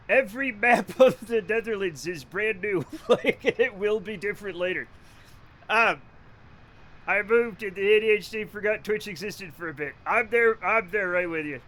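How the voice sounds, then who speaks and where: This livestreamer from Rhode Island has a high, fairly bright voice. While gaming live he chats casually, rambles, cracks jokes, swears freely and laughs a lot.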